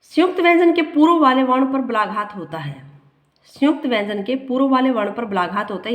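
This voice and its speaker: A woman teaching a grammar lesson. She reads from her notes and often repeats a line slowly to explain it. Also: fairly high pitch. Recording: echoey room.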